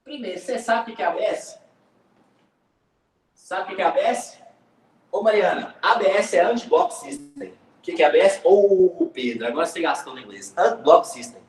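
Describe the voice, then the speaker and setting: A man teaching physics in an online class, lively and joking, speaking with a Brazilian Portuguese accent and calling students by name. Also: sits high, normal speed, pauses often, echoey room, distant mic, low-quality recording.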